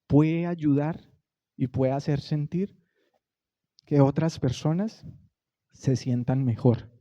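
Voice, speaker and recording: A man, preaching a Sunday sermon in a conversational way, rising to loud emphasis and dropping to quiet, soft lines. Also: medium pitch, highs cut off. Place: church sanctuary.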